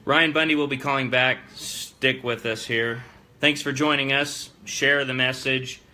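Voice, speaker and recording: A man with a bright, forceful voice at a middling pitch hosts a live political show. He speaks plainly and with emphasis, addressing listeners directly. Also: steady tone, unhurried. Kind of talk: political commentary to an audience.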